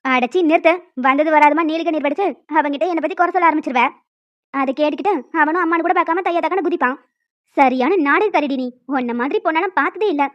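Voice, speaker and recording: A woman voicing a sharp-tongued older mother-in-law who taunts her daughter-in-law in an animated story. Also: high voice, fast, lo-fi sound, close to an everyday voice. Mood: nagging. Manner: taunting, nagging.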